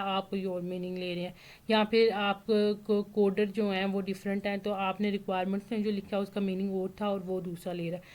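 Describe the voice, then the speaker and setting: A woman from Pakistan gives a casual spoken lecture as an online tutor, explaining with frequent fillers and often checking in with "theek hai." Her voice is medium-pitched with a darkish tone.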